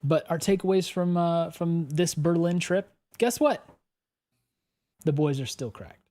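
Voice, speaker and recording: A man's voice: a little high, unhurried, warm tone. A man co-hosting an esports podcast, speaking with hyped enthusiasm. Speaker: podcast co-host. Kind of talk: casual podcast chat.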